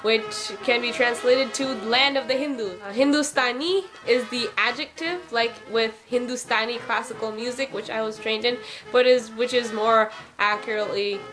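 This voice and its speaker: A woman's voice: fairly high pitch, moderate pace, low-quality recording. A young woman vlogging casually, answering viewer questions in a chatty, digressive way with lots of ums and likes. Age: young adult. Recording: old jazz music playing under the voice.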